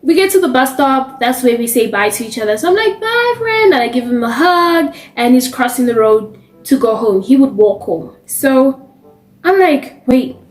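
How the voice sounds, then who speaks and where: A young woman from South Africa telling a casual storytime vlog, animated and acting out the quoted lines. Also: on the high side, normal speed. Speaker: vlogger. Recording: roomy with faint music behind.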